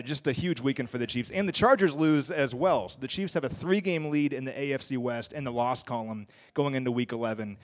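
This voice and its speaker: Chatty young man recapping a football trip. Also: medium pitch. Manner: upbeat, laughs easily, chatty recaps. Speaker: sports radio co-host. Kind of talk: casual sports chat. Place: studio with live audience.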